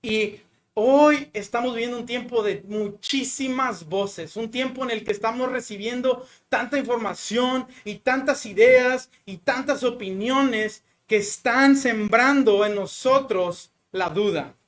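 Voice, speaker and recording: A man with a Mexican accent giving a conversational sermon, chatty and full of little fillers, then slowing and softening as he prays. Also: extremely high pitch. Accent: Mexican Spanish. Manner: chatty, fills pauses with "¿no?" and "o sea"; slows down and softens when praying. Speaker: preacher. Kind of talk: conversational sermon with personal story.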